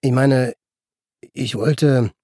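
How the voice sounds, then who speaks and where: A man's voice: mid-range voice, steady tone, darkish tone, slightly rough, no echo, full character voice. A man voicing a nervous man on a phone call who hesitates and stammers. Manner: halting, stammering.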